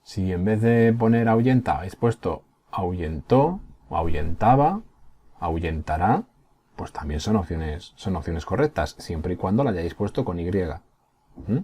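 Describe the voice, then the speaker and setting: A man teaches a primary class, his deep, mellow voice carrying a slight husk. He explains patiently one step at a time and keeps checking that the pupils follow. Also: animated, measured pace, husky. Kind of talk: recorded remote class.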